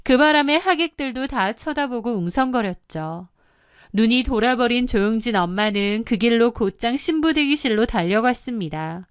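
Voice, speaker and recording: Woman narrating her own story, kinda high and smooth, matter-of-fact, dry close sound. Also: lively intonation, moderate pace, dry recording. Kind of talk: first-person storytelling narration.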